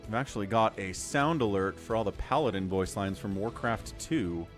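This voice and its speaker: A man's voice: on the low side, normal speed, faint music behind. A man giving casual, wry livestream commentary on a strategy game, with chatty asides.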